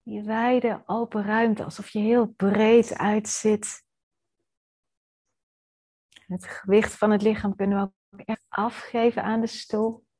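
A woman leading a guided body-scan meditation as a teacher, gently and soothingly with pauses, in a slightly husky, breathy voice. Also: mid-range voice, level tone, poor audio.

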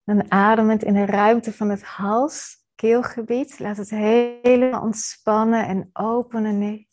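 Gentle and soothing, with pauses throughout, a woman teacher leads a body-scan meditation. Her voice is mid-range and level in tone, with a slightly husky, breathy texture.

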